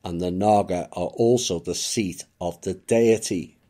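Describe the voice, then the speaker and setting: A man with a deep, low voice talks through a reflective monologue at a very slow, deliberate pace. His tone is mellow and dark, and he drops in occasional offhand asides. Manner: measured, unhurried, with occasional asides. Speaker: esoteric channel narrator.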